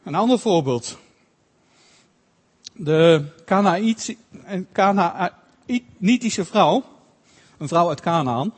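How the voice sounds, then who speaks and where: A man with a high voice preaching a sermon in a space with a long, echoing reverb. He speaks earnestly and haltingly, restarting phrases often and slowing down for quoted scripture. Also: animated, breathy edge.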